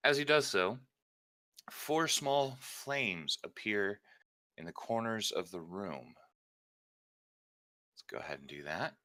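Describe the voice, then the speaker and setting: A male game master with a low, bright voice talks through a tabletop game. He moves between storytelling and table talk, with lively swings in pitch. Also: slow, long pauses, no echo, studio quality.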